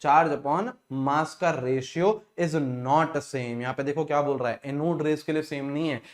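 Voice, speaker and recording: Indian guy teaching chem revision, asks and answers himself, bit higher voice. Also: fairly even intonation, measured pace. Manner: keeps asking students questions and answering himself; calls listeners beta, repeats key points. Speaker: chemistry teacher. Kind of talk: exam revision lecture.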